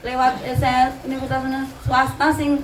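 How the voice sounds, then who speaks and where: High-voiced Javanese woman preaching in an echoey hall. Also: flat delivery, normal speed. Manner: anecdotal, chatty, mixes in Javanese words. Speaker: religious teacher. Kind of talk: religious study talk to mothers. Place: open pavilion hall. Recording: roomy echo, distant mic, ambient noise.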